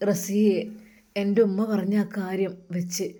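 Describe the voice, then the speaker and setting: A woman voicing a lonely, gentle young man who speaks softly and plaintively. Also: mid-range voice, flat delivery, measured pace, lightly acted.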